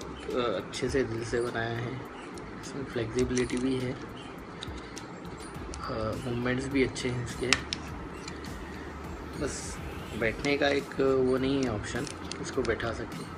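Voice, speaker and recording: Flat-voiced man reviewing a toy, noisy background. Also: mid-range voice. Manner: unhurried, many "uh" pauses, mixes English words into Hindi. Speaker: fan reviewing a collectible toy. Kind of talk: casual product review.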